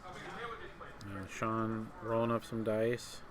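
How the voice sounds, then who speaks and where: A man's voice: fairly low pitch, very animated, very slow, a crowd in the background. A man commentating live on a tabletop miniatures game, talking casually with fillers and restarts. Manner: conversational, hesitant with fillers and restarts. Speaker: tournament commentator.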